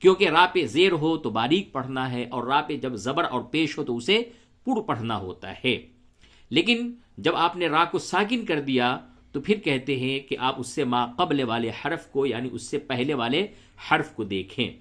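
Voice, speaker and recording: Patient Quran teacher spelling out letters. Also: male voice, mid-range voice, lively intonation, fairly bright tone. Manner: explains rules patiently, spells out letters and recites slowly. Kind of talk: tajweed lesson with slow recitation.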